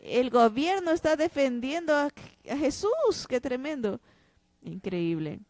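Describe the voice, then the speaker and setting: A woman's voice: high-pitched, big pitch swings, measured pace, darkish tone, dry recording. A woman interpreting a pastor's sermon, preaching with passionate emphasis. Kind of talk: dubbed sermon.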